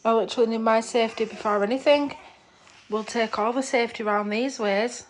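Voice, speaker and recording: A woman's voice: a little high, fairly even intonation, a little fast, slight background noise. A woman hosting a casual live stream from her room at home, chatting and gossiping into her phone, laughing at herself.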